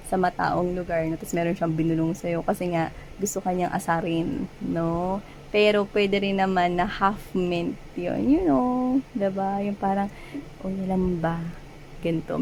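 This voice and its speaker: Filipino woman tarot reader, relaxed chatty delivery, mid-pitched, slight background hiss. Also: low-quality recording. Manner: chatty, frequent "no?" tag questions, mixes English and Tagalog. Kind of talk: casual tarot reading.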